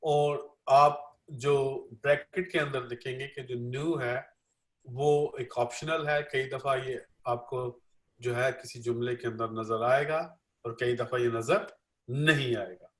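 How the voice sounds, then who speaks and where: A man's voice: medium pitch, fairly even intonation, takes it slowly, a bit bright. A man interpreting a classroom lecture live, repeating each line with many fillers. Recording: echoey room.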